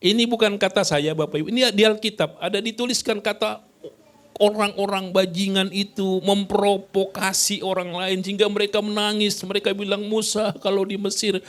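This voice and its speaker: A male pastor delivers a sermon in a church with a somewhat high-pitched voice. He preaches in a loose, conversational way, often turning to address the congregation directly. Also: steady tone, moderate pace, fairly bright tone.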